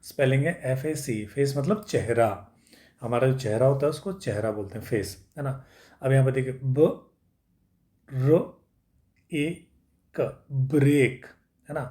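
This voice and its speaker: Man sounding out English words slowly. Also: medium pitch, mellow. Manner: patient, drawn-out syllable by syllable sounding out; frequent checking-in tags after each point. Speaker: English teacher. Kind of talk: spoken English lesson.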